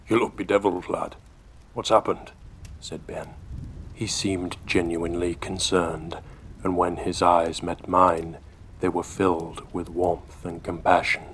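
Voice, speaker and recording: A man hosting a horror story podcast, narrating a scripted tale in a measured, hushed way. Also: low voice, a little hiss or hum. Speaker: host and storyteller.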